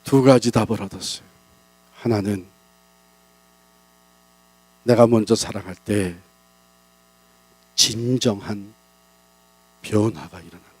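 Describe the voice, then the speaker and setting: A man preaching at a church revival, rising and falling sharply in pitch and loudness as he presses his points. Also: slow, long pauses, breathy edge, no room sound, poor audio. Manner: dramatic, big swings in pitch and loudness. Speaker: pastor. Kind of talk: revival sermon.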